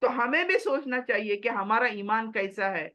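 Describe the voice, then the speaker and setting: Earnest, bright-voiced woman teaching religion. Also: a little high, normal speed. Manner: earnest, exhorting, mixes English phrases. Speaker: Quran teacher. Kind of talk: religious lesson.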